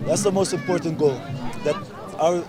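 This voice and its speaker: A Dutch man in his twenties is interviewed at an outdoor street protest, speaking earnestly and emphatically in short, insistent phrases. His voice is fairly high and moderately paced, recorded outside with a loud crowd of protesters behind him.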